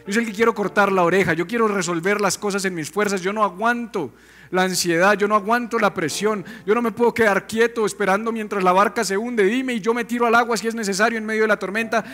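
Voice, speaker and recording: Fast and high-pitched, a male pastor delivers his sermon in an animated, conversational style packed with rhetorical questions.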